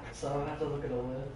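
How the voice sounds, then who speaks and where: A man joining his brother's stream, tossing out offhand jokes in casual banter. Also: medium pitch. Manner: joking, offhand. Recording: distant echoey voice with loud noise.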